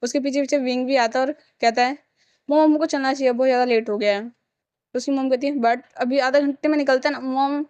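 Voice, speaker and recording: A woman's voice: sits high, steady tone, fairly quick, a little mellow, clean tone, dry recording, dull audio. A woman casually narrating a fan-fiction romance story, speaking every part herself with frequent restarts. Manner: retells all parts in her own voice, with many restarts.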